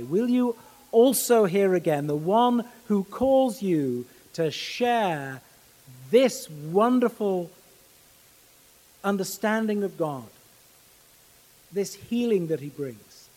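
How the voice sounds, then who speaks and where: Slow, high-voiced preacher in a reverberant hall. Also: male voice, lively intonation, warm tone. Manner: measured, earnest, with slow emphatic pauses. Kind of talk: sermon.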